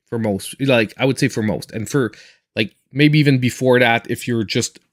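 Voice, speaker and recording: A man's voice: mid-range voice, moderate pace. A man in his forties chatting casually and in a reserved way while he live-streams a game as host. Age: 40s.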